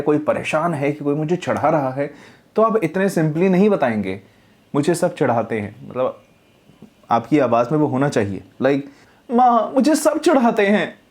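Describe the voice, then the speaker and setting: A man's voice: on the high side, darkish tone. A man working as a voiceover coach, reviewing recordings and explaining tips step by step. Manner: explains step by step, demonstrates readings.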